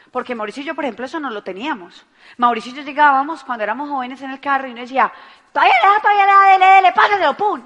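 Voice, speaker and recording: Emphatic woman, bright high voice. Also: long reverb tail. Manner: emphatic, rhetorical questions to audience. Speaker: business speaker. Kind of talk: motivational talk to a team.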